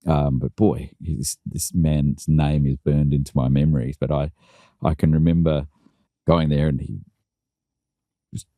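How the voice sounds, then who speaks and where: A middle-aged man co-hosting a podcast, telling stories in an animated way and laughing often. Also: very deep voice, a little slow, long pauses, no room sound, clean studio sound. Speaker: podcast co-host. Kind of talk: casual interview chat.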